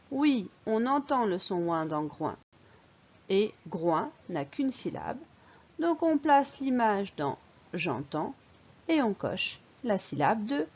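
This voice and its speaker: A woman teacher with a fairly high, lively voice walks young children through a phonics lesson. She talks slowly and clearly and lifts each key word in a sing-song way. The recording sounds a bit dull and lo-fi. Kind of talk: early-reading phonics lesson.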